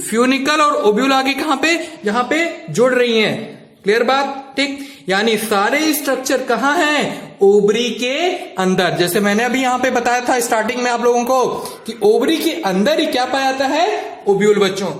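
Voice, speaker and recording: A man's voice: very high voice, a bit bright, echoey room. A man teaching a biology lesson, repeating points and quizzing students with questions. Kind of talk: classroom lecture.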